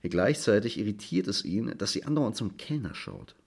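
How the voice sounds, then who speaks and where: A man reading his own literary short story aloud in a dry, measured way. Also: fairly low pitch, animated, darkish tone, breathy edge. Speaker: author reading at a literary stage.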